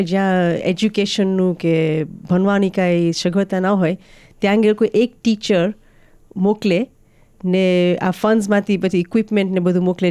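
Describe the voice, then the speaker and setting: A woman's voice: lowish voice, warm tone, smooth. A woman guest on a studio radio interview, explaining a community event at length and switching between Gujarati and English.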